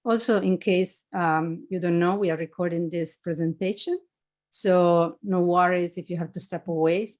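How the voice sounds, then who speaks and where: A woman's voice: lowish voice, darkish tone. A woman hosting a company webinar, introducing the guest and running through housekeeping notes in a friendly way over a video call. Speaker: webinar host.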